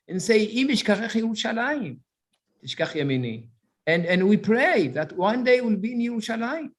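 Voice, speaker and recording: In an interview, a middle-aged Ethiopian rabbi and author recounts his life story in an Ethiopian accent. He speaks haltingly in a high voice, using many fillers as he searches for words.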